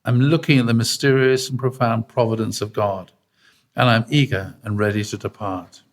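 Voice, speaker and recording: A man's voice: medium pitch, fairly even intonation, moderate pace, lightly acted. Man reading as a fervent preacher. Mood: elated. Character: fervent male religious leader rallying followers.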